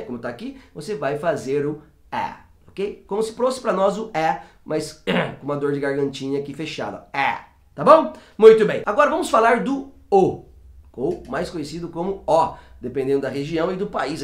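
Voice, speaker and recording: A man's voice: fairly high pitch, sing-song, normal speed. A man teaching English pronunciation in a casual video lesson, chatty and repeating example words to demonstrate sounds. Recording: roomy echo.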